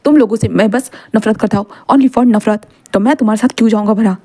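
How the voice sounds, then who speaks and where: Brief: a woman playing a furious young demon prince in a storybook, accusing and fast. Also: mid-range voice, natural voice. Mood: angry. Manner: shouting accusations. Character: proud young male demon heir, furious and cold.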